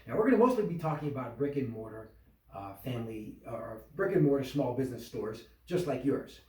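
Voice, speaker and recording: A man giving an instructional talk to a small business group, animated and full of questions, acting out tones of voice. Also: mid-range voice, a little fast, distant mic. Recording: echoey room, voice from off the mic.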